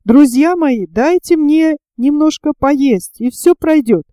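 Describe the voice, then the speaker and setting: A woman reading the part of a calm, thoughtful middle-aged male engineer, measured and reassuring. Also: sits high, no echo, voice pushed up.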